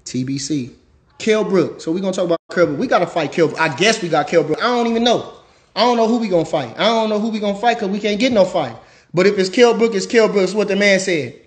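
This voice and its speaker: Brash high-voiced man ranting hyped. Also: fast talker. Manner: loud, brash trash talk, shouting at times. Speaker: former boxer. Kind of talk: hyped livestream rant.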